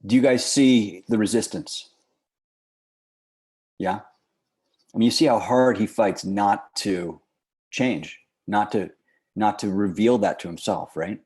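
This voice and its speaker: A man's voice: fairly low pitch, slow, long pauses, darkish tone. A man lecturing on screenwriting, explaining with fillers and frequent "right?".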